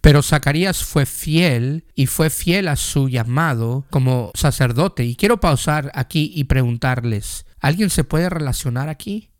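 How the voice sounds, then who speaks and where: A man's voice: mid-range voice, a little slow, hardly any pauses, no room sound, studio quality. A male pastor giving a conversational sermon, asking the listeners questions and telling personal stories.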